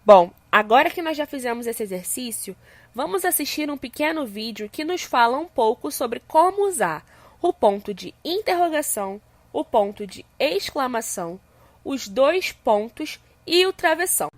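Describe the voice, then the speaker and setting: Woman teacher, high lively voice, slow careful explaining, dry close sound. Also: no echo. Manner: slow, clear, explanatory delivery. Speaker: primary school teacher. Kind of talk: recorded online lesson.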